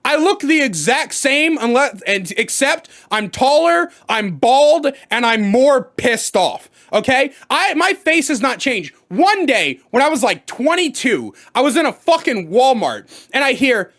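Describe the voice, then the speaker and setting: Animated profane man ranting to camera. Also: very high-pitched, measured pace, few pauses. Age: 30s. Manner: animated, swings to loud outbursts. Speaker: comedic storyteller. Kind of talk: profane comedic storytime rant.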